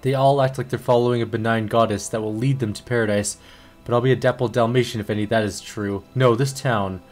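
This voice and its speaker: A man's voice: medium pitch, steady tone, fast talker, darkish tone, soft background music, close to an everyday voice. A man doing a sly old cat-wizard. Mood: wry.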